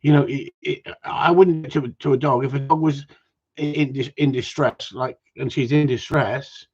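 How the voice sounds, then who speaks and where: A man's voice: medium pitch, steady tone, normal speed, husky. A man who chats to viewers in a rambling, casual way and swears freely. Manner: swears a lot, jumps between topics, loud outbursts. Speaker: gundog breeder livestreaming. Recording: dull lo-fi home stream.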